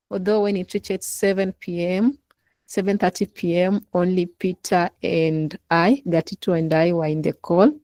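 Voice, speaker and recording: Over a laptop video call with poor audio but no echo, a woman instructor leads an online class. Her lowish, warm voice encourages her listeners and prompts them to take part.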